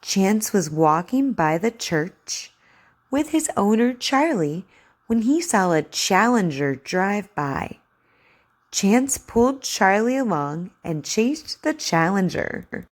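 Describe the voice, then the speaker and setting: A woman speech teacher reading aloud in an instructional lesson for children, over-enunciating each word deliberately in an encouraging way. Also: medium pitch, sing-song.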